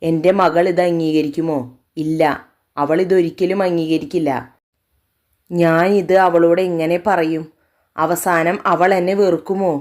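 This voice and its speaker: A woman's voice: on the low side, level tone, unhurried, long pauses, a little mellow, natural voice. A woman voicing a troubled mother who sounds worried and bitter. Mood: anxious.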